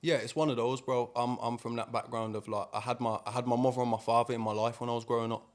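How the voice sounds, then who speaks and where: A man's voice: mid-range voice, fairly even intonation, quick pace. A man from Birmingham with a Brummie accent, talking casually as an interview guest in informal British street slang. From Birmingham, England.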